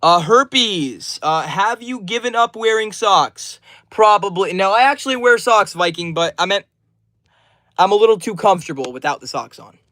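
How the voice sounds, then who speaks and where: 20 yr old guy streaming, reads chat names out, high voice, super dry close sound. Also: expressive, moderate pace, pushed and bright, no echo. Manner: reads chat names and answers each, upbeat and friendly. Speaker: livestreamer. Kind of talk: live stream chat reading.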